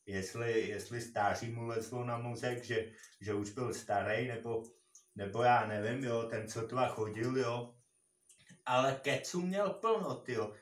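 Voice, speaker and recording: A man's voice: mid-range voice, flat delivery. A man vlogger telling a personal work story in a rambling, repetitive way, full of filler words. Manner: rambling, repeats himself, many filler words. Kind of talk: casual storytelling. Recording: roomy and distant from mic.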